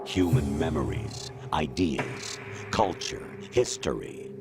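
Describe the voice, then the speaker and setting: A man voicing a coldly superior artificial intelligence in a video game, lecturing in a measured, condescending way. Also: very deep voice, expressive, exaggerated voice. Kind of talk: video game cutscene voice acting. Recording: music behind the voice.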